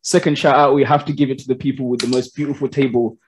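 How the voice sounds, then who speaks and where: A man's voice: medium pitch, level tone, fast talker, a little hiss or hum. A man, an upbeat and chatty host giving thanks at the close of a live panel. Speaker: podcast host. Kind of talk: closing remarks at a live panel. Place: community studio with live audience.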